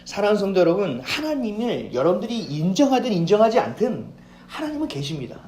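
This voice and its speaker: In an echoey church hall with faint ambience and a little hiss or hum, a male pastor preaches with a high voice and quick delivery. He is lively and animated, performing quoted voices and asking the congregation questions from the sanctuary.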